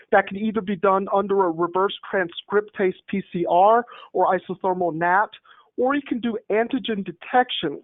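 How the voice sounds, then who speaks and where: A medical presenter joining a town hall over a group call line, explaining testing step by step in a methodical way. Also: medium pitch. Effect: heard over a group call line. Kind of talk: technical slide presentation. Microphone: remote call connection. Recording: tinny phone-like call audio, dry.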